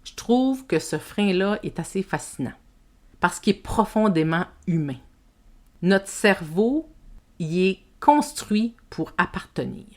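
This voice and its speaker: A woman with a Québécois French accent hosting a self-help podcast, speaking to the listener in a gentle, reflective way. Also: medium pitch, lively intonation. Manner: slow, gentle, addresses the listener as tu. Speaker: podcast host and women's coach.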